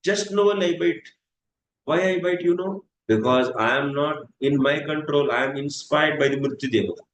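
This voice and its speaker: A man's voice: on the high side, moderate pace, a little hiss or hum, close to an everyday voice. A man voicing a snake in a retold scripture story, talking in an earnest, insistent way. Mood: defensive. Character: snake pleading it is not to blame. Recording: echoey room.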